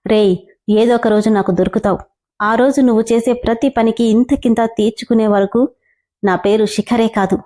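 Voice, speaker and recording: A woman's voice: fairly high pitch, fairly even intonation, normal speed, close to an everyday voice. A woman doing a defiant young heroine. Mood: angry. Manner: sharp, defiant retorts.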